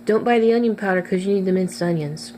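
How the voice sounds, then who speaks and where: A woman hosts a casual home-kitchen vlog, her voice sitting in an ordinary middle pitch. She talks in a chatty, halting way full of small fillers. A faint hum runs under the recording. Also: dark tone. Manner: chatty, hesitant with many fillers, tastes food while talking. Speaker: cooking vlogger.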